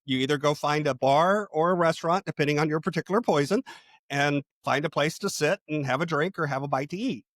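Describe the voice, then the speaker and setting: A middle-aged man, a podcast host and coach, telling stories in a relaxed conversational interview and acting out quoted people. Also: on the high side, fairly quick, no echo, studio quality. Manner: storytelling, animated voices for quoted people.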